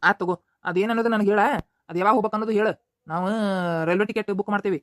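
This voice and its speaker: A woman voicing a young village man with a North Karnataka accent, worried about getting married and pleading in rapid rural speech. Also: mid-range voice, fairly even intonation, slight background noise, pitched below the performer's own voice, close to an everyday voice. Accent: North Karnataka Kannada.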